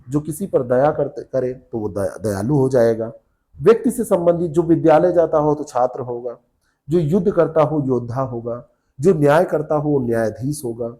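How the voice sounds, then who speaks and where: A man's voice: mid-range voice, dark tone. A man teaching an exam-prep lesson, asking questions and answering them himself, checking in with his listeners often.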